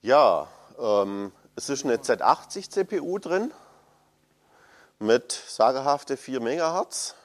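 A man's voice: medium pitch, sing-song, takes it slowly. A man in his fifties in a casual, rambling chat about old computers, hesitant and full of fillers.

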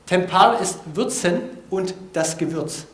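A man with a high-sitting, somewhat bright voice speaks slowly as he walks listeners through foreign vocabulary in a casual way, hesitating often while he thinks aloud. He's a language learner sharing his vocabulary notes, and the room he's in is echoey.

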